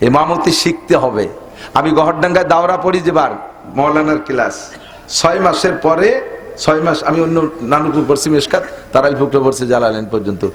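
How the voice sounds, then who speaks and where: A man's voice: medium pitch, a little hiss or hum. A middle-aged man preaching a waz sermon, emphatic and always asking the crowd to agree. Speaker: Islamic preacher. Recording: echoey public-address sound.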